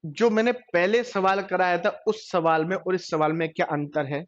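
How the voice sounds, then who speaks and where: A man's voice: high-pitched, steady tone, moderate pace. A male teacher, lecturing a classroom and asking questions that he then answers himself. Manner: quizzes class, answers his own questions. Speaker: computer teacher. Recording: dull lo-fi classroom recording.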